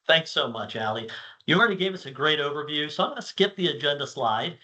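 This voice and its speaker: A man presenting at a conference, chatting with an AI co-host in a friendly, relaxed way with occasional fillers. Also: fairly high pitch, quick pace. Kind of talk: casual presentation.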